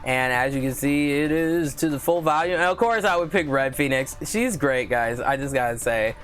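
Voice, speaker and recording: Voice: medium pitch, moderate pace, a bit bright, faint music behind. Host of a book channel; casual, filler-heavy live chat, gushing and giggly. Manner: chatty, filler-heavy, keeps addressing viewers as guys.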